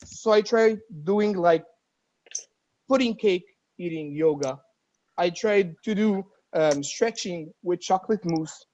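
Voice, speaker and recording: A woman's voice: fairly low pitch, slow pace, darkish tone. Woman comedian rambling thru a funny story, keeps repeating words, kinda muffled lo-fi sound. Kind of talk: stand-up storytelling.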